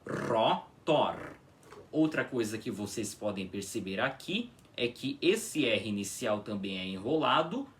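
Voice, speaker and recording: A man teaching a pronunciation lesson, demonstrating each sound slowly and checking in with his students. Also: lowish voice, big pitch swings, a bit bright, recorded from a distance. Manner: drawn-out patient demonstrations, frequent "tá?" checks. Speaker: language teacher.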